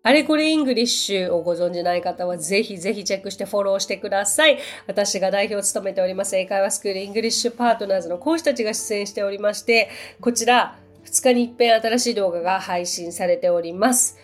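A woman's voice: mid-range voice, fast talker, few pauses, faint music behind. A woman teaching English on her podcast in a friendly, chatty way, with many fillers. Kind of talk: casual podcast lesson. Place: Tokyo.

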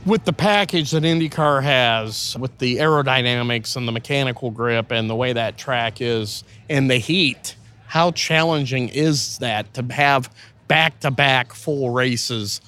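A man's voice: medium pitch, measured pace, pushed and bright, smooth. A man hosting a motorsport show, asking long, detailed setup questions in an interview. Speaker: show host.

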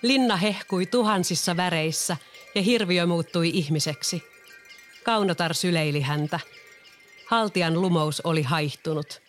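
A storyteller calmly narrating a children's story. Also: medium pitch, faint music behind.

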